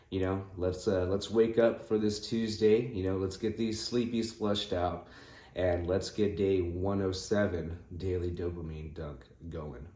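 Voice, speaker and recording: A man's voice: deep voice, mellow. A groggy man giving a casual motivational vlog chat early in the morning, rambling and trailing off as he goes. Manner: rambling, trailing off, frequent 'you know'. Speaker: host of a daily cold plunge vlog. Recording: roomy, echoing sound.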